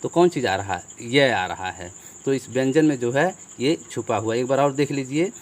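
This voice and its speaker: A man's voice: medium pitch, animated, fairly quick, darkish tone. A man teaching a grammar lesson, patiently explaining, asking questions aloud and answering them himself.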